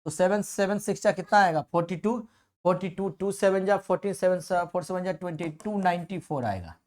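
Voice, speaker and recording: A man's voice: sits high, a little fast, darkish tone. A male coaching teacher gives a math lecture in a classroom. He talks in a repetitive, coaxing way. He keeps asking the class questions and then answers them himself.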